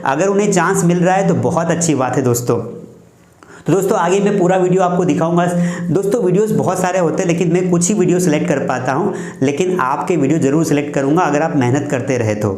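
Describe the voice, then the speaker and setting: A man's voice: a little high, darkish tone, echoey room. A man hosting a spoken English channel, speaking to viewers in mixed Hindi and English and encouraging them as he goes, from a village during lockdown. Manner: encouraging, repeats "dosto" often.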